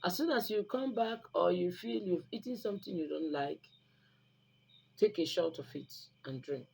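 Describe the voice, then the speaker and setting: A native Igbo woman with a Nigerian Igbo accent gives herbal remedy advice as an online video host, speaking informally and instructively to viewers in an emphatic, preachy manner and repeating phrases. Her lowish voice is creaky, darkish and slightly rough, at a moderate pace. It's a low-quality recording with noticeable background noise.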